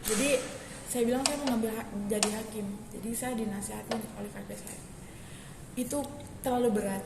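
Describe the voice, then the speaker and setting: A woman's voice: mid-range voice, steady tone, fairly quick, creaky. A young woman being interviewed, telling her story casually and rambling a little with restarts. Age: young adult. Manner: rambling, with many restarts and fillers. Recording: echoey hall with background noise.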